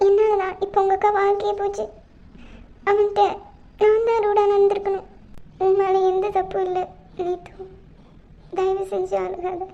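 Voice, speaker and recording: A woman's voice: very high-pitched, completely flat delivery, moderate pace, long pauses, warm tone. A woman voicing a loyal young woman who earnestly comforts her friend, in a hobby drama. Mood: comforting. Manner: soothing, earnest. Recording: muffled lo-fi recording.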